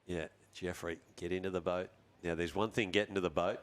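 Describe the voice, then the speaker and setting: A man's voice: sits low, fairly even intonation, brisk. An Australian man commentating surf boat racing, laid-back and teasing his co-host. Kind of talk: live sports commentary.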